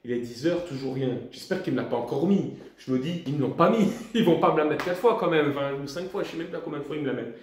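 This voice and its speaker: A young man from Belgium telling a comic storytime, ranting in an animated, slangy, exasperated way. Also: a little high, fast, few pauses, a little hiss or hum. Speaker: vlogger. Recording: very echoey room.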